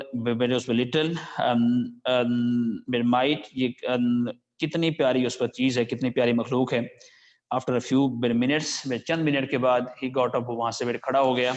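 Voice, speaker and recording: A man with a Pakistani accent, teaching an English lesson. He reads the English lines slowly, then explains each one in Urdu with plenty of fillers. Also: medium pitch. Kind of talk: line-by-line lesson translating a story into Urdu. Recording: dull lo-fi recording.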